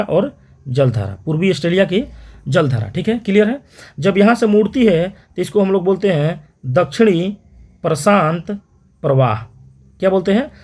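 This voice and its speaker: A man teaching an exam-prep geography lesson, repeating terms and quizzing listeners with quick questions. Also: sits high, a little mellow. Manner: repetitive question-and-answer drilling, frequent "theek hai".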